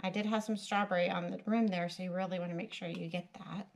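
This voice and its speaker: Here a fairly low-pitched woman speaks fast with fairly even intonation, caught on a low-quality recording. As a homesteading vlogger and home cook, she narrates her kitchen project in a chatty, practical way, musing aloud while working, filmed by a camera mounted over the stove and counter.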